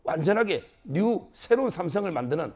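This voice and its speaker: A man's voice: sits high, very animated, fairly quick, dark tone. A male lawyer commenting on a TV news panel, explaining at length with many fillers and repeating key phrases.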